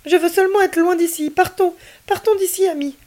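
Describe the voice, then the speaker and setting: A nervous young boy, as a woman voices him, pitched far above her own speech. He pleads and frets anxiously, in the manner of a storybook read for children. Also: animated, a little fast, vocal fry, darkish tone.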